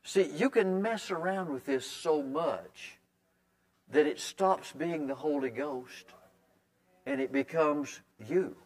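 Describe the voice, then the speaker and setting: A man's voice: a little high, slow pace. A middle-aged male pastor preaching a sermon in a conversational, folksy way, hammering points home with repeated words.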